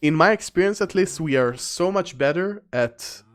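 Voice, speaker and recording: A man's voice: sits high, animated, normal speed, clear, resonant tone. A man casually commentating a game livestream, rambling and reading viewer chat aloud, with faint music behind him. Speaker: gaming streamer. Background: faint background music.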